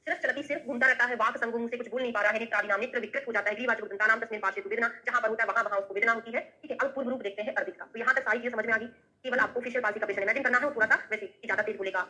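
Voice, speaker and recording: A woman's voice: a little high, fairly even intonation, very fast, bright, forceful tone, poor audio. A woman teaching a classroom lecture on Ayurveda, reciting Sanskrit verses and quizzing students with frequent tag questions.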